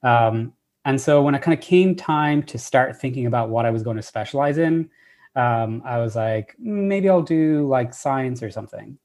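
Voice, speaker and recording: An Irish man in his thirties, a professor telling his story in a relaxed interview, enthusiastic and full of ums and restarts. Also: medium pitch, normal speed. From Ireland. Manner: enthusiastic, many fillers and restarts. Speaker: assistant professor, guest.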